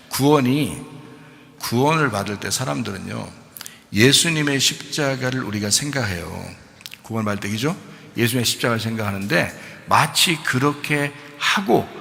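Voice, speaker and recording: A man's voice: medium pitch, gravelly, bright, forceful tone, in a large hall. A man preaching a sermon as pastor, talking in a conversational way and asking his listeners rhetorical questions. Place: church.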